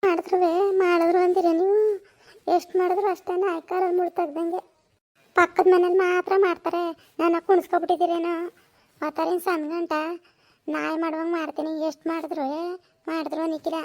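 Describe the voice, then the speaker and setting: Woman doing a feisty village daughter-in-law, high voice, talks back, comedy skit. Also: little pitch movement, fairly quick, a little mellow. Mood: arguing. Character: defiant young daughter-in-law, quick to argue.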